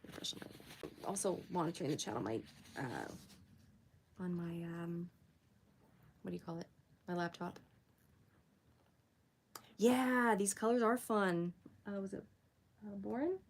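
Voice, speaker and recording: A young woman hosts a relaxed drawing livestream, talking to her chat as she works. Her voice sits a little low, but it jumps way up when she greets viewers, and she laughs easily. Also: unhurried, long pauses, husky. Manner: chatty and giggly, greets viewers in a high voice. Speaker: art livestream host.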